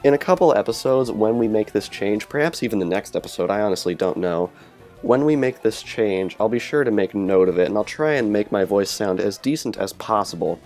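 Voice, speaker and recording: Fairly low and darkish in tone, with lively intonation and a fairly quick pace, a man chats over his gameplay as a let's play commentator. He rambles and self-corrects, and the audio is lo-fi, from a cheap earbud headset mic with game music playing.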